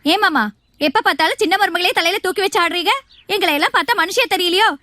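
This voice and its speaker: A woman's voice: very high-pitched, quick pace, bright, forceful tone, dry recording. An actress playing a resentful village daughter-in-law in a film drama, complaining to her father-in-law.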